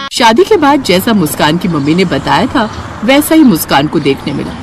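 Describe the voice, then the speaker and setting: A woman's voice: medium pitch, a little hiss or hum. Woman narrating a cartoon story. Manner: steady storytelling.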